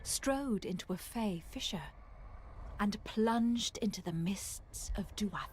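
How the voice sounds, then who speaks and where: Fantasy game storyteller over ambient noise. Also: female voice, mid-range voice, lively intonation, takes it slowly, darkish tone. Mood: solemn. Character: solemn female storyteller of a fantasy fairy tale. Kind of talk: scripted dramatic narration.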